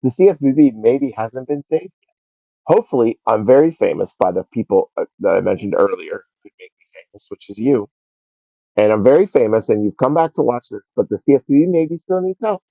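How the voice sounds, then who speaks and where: A man's voice: mid-range voice, lively intonation, a little fast, gravelly, mellow, no room sound. A man streaming a game live, rambling and talking to himself as he plays. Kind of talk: casual live gameplay commentary. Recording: dull lo-fi stream audio.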